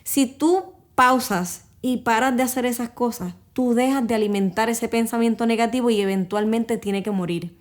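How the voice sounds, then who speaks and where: A woman with a fairly high voice gives a motivational self-help talk on her podcast. She speaks directly to the listener, walking through everyday examples. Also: normal speed.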